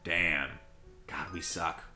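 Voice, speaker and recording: A young man co-hosting a game playthrough, excitable, laughing and swearing as he plays. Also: takes it slowly. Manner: excitable, laughs and swears, wild pitch swings. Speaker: co-host playing a video game. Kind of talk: casual gaming commentary. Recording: game music clearly behind.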